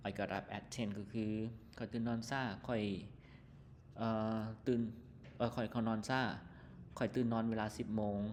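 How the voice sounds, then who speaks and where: A male teacher with a Lao accent explaining an English textbook lesson, reading English words slowly, then explaining them quickly with many fillers. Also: fairly low pitch, flat delivery, darkish tone, a little hiss or hum.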